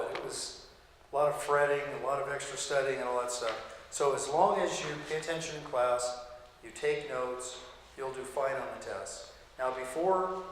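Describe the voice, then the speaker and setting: A middle-aged man teaching a Bible college class, talking casually and pausing often to check in with his students. His voice rings through a very echoey room with a long reverb tail. A faint hum sits underneath. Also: medium pitch. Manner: conversational, frequent "okay?" check-ins. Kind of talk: classroom lecture.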